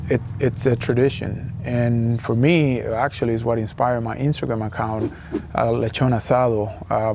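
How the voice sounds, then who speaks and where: On a patio next to a house, a man in his forties from Puerto Rico, speaking with a Puerto Rican accent, casually demonstrates a recipe step by step, using lots of fillers. His mid-range voice has vocal fry, and the lapel mic picks up background noise.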